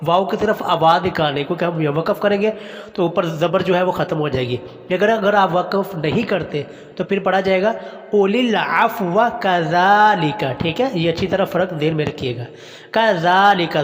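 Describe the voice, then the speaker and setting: A man teaching Quran reading to adults, reciting each phrase slowly and drawn out, then explaining the letters plainly. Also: high voice, in a large hall. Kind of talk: slow recitation lesson with explanations.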